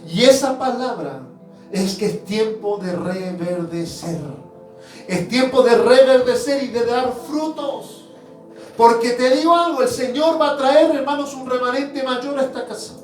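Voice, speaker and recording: A man preaching a sermon to his congregation, fervent and shifting between loud appeals and hushed asides. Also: very high-pitched, unhurried. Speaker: apostle preaching. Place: church hall. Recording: roomy church sound from a distant mic with faint music.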